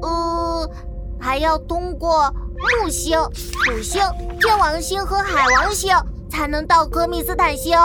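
A tiny, very high-pitched child explorer speaks in a children's audio drama. The delivery is bookish and hesitant, full of stammers and excitable outbursts. Music plays strongly behind it. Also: female voice, measured pace. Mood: earnest, explaining. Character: timid bookish little child space traveller Kabi. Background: prominent children's music.

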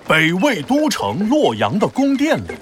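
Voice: mid-range voice, huge pitch swings, measured pace. A playful, exaggerated storyteller host narrating a scripted history tale for children.

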